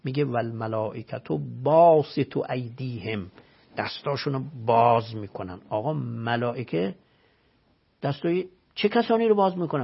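A man's voice: mid-range voice, creaky, slightly rough, muffled recording. A man, a religious scholar, giving an emphatic explanatory talk full of rhetorical questions and recited scripture, heard on a radio broadcast.

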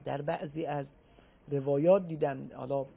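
A man giving a religious talk on a broadcast program, explaining patiently and reciting Arabic phrases slowly. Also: fairly high pitch, steady tone, vocal fry, breathy edge. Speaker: religious speaker. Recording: tinny phone-like broadcast audio.

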